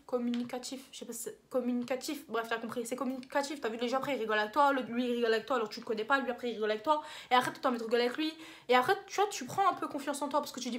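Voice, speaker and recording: A young woman chats to camera with a French accent, rambling through slangy advice and teasing herself along the way. Her voice sits a little high and the words tumble out fast. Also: fairly bright tone. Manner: rambling, slangy, self-mocking. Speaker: vlogger. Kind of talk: casual advice vlog.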